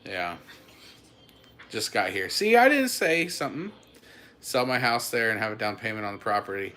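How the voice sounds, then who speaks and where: A man's voice: fairly low pitch, very animated, moderate pace, bright, forceful tone, a little hiss or hum. A young man chatting casually on a family livestream, greeting viewers by name and teasing himself. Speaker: homestead livestream host.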